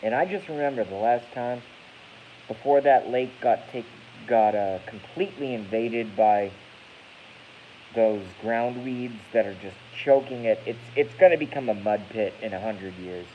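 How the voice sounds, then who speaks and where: Faint hiss runs under the dull lo-fi audio as a thirties-aged YouTube streamer from Massachusetts rants on a live stream. He speaks a little slowly at medium pitch, rambling casually, cursing, and frequently correcting himself.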